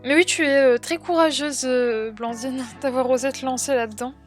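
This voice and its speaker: A young French woman chats casually on a livestream, answering viewers' comments and trailing off with frequent fillers. Her voice sits slightly high for a woman. Quiet music plays behind her. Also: fairly even intonation, normal speed. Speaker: streamer.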